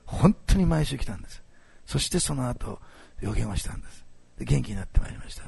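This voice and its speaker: A man preaching a sermon as pastor, telling a story with animated swings between loud bursts and hushed asides. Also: medium pitch, quick pace, no echo. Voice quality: gravelly, husky.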